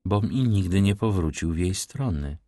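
Man voicing a brooding aristocrat, low subdued tone, curt measured answers, deep voice, dry close sound. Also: dark tone, no room sound, lightly acted. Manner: restrained, melancholy replies. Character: grave, reserved nobleman count, middle-aged man.

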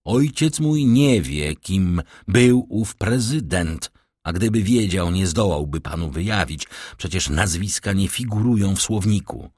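A tense nobleman from a storybook speaks slowly to calm a heated scene, as a man reads him out. The voice is deep and husky. It is recorded close and dry. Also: no echo, heavily acted. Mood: placating.

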